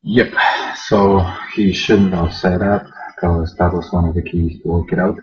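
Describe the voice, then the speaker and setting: A man's voice: low-pitched, little pitch movement, a little slow, darkish tone. A man with an Eastern European accent explaining things step by step in a casual, conversational narration. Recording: dull lo-fi audio with music.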